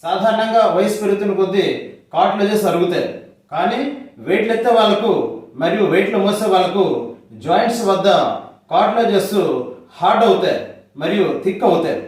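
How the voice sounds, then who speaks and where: A man with a Telugu accent, narrating a scripted health lesson in steady, measured phrases. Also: sits high. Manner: steady, measured delivery in short listed phrases. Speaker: homeopathy health educator. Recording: very echoey, from far off the mic.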